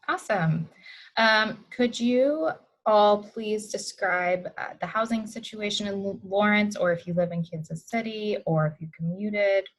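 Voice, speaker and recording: A woman's voice: mid-range voice, a little slow. A woman hosting an interview, prompting the guests in a friendly, upbeat way.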